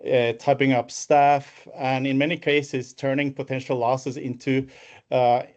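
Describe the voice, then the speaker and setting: Sitting alone in his office, a fifties-aged man from Norway delivers a business webinar by video call in Norwegian-accented speech that is fluent yet full of fillers and restarts. His mid-range voice is level, measured, and somewhat dark, heard through muffled, low-fidelity call audio.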